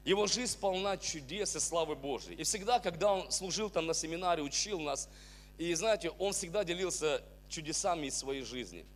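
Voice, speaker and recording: A man's voice: on the high side, animated, normal speed, a little hiss or hum. A man in his thirties on a church stage with a handheld mic, welcoming the congregation and urging them with fervent exhortation. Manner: fervent, exclaiming praise, then earnest exhortation. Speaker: worship leader and church host. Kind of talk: worship leading and sermon-style welcome. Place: large church hall stage with band.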